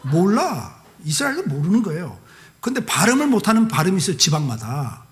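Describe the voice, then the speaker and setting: A man preaching a sermon as a guest pastor, telling the story in a lively way, acting out dialogue and adding humorous asides. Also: high voice, a little fast. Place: church service.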